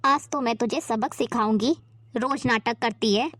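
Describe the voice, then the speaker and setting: A woman's voice: on the high side, normal speed, loud music behind the voice, close to an everyday voice. A woman playing a harsh, domineering sister-in-law who barks orders and scolds. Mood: furious. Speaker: performer in a family skit. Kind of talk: amateur family drama acting.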